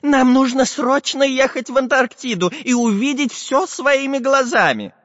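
A shrill, excited old professor. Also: male voice, moderate pace, no echo, lo-fi sound. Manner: shrill, breathless, shouting excitedly. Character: excitable elderly male professor geographer.

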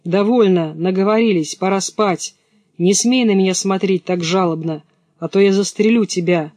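A man's voice: sits high, normal speed, a little mellow, dry recording, clean studio sound, close to an everyday voice. A man reading as a bossy young robber girl. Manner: brusque, commanding.

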